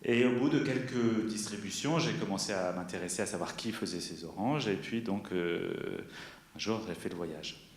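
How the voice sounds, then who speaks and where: A man from France explaining at a public discussion, hesitant and often pausing mid-sentence. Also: sits low, a little hiss or hum. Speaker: panel speaker, consumer association member. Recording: echoey room.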